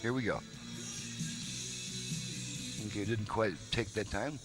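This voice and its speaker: A man with a steady, low-side voice talks at a measured pace over music. In a casual unscripted product demonstration, he plays a folksy radio repair technician explaining each step off the cuff, radio audio playing behind him.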